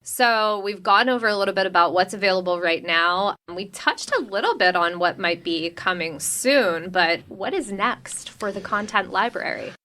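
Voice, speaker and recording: A woman's voice: mid-range voice, normal speed, hardly any pauses, sharp tone. A woman hosting a podcast, upbeat and affirming as she interviews guests and wraps up the episode. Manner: upbeat, affirming listener with frequent mm-hmms. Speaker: podcast host. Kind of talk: friendly podcast interview and outro.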